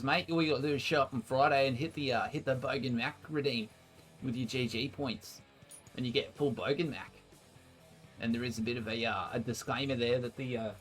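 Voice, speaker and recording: A man's voice: medium pitch, fairly bright tone. An Australian man casting esports and chatting casually with his stream viewers, energetically hyping them up. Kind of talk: casual stream chat and play-by-play commentary.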